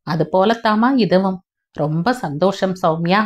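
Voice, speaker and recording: A woman's voice: fairly low pitch, measured pace. A woman voicing a kindly older man who gives earnest praise.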